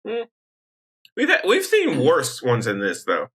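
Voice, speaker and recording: A man co-hosting a podcast in casual chat, animated and prone to restarts. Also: measured pace, slightly rough. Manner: animated, wide-ranging pitch, restarts often. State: hiccuping. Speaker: podcast co-host.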